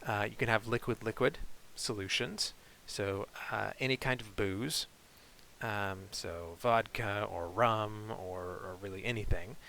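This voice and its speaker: A man teaching chemistry in a recorded online lecture, explaining in a relaxed way with frequent fillers. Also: on the low side, measured pace, vocal fry, a little hiss or hum, rough recording.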